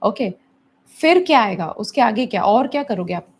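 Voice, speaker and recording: A middle-aged woman therapist answers viewers' questions during a live teaching session, mixing English phrases into her Hindi. Her voice is high-ish, husky, and animated at a normal speed, and she acts out stressed parents in a raised voice.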